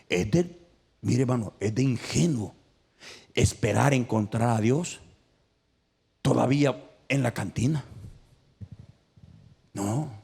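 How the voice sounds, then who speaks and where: A man preaching a passionate sermon as pastor, rising to loud high cries and dropping to near-whispers. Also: vocal fry, husky.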